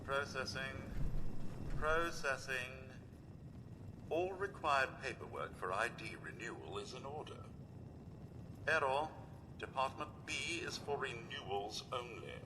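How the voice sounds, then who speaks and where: A monotone robot clerk that scans, processes and reads out errors in a clipped computer voice. The pitch jumps around as it drawls its stock phrases. It plays as game audio over steady background noise. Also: male voice, unhurried, long pauses. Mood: bureaucratic monotone. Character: monotone male robot clerk at a records office.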